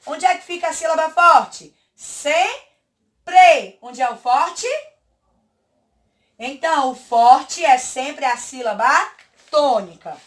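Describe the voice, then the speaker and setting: A woman who teaches to children, going through a worksheet slowly and deliberately and checking often that the class remembers. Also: high-pitched. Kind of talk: worksheet lesson.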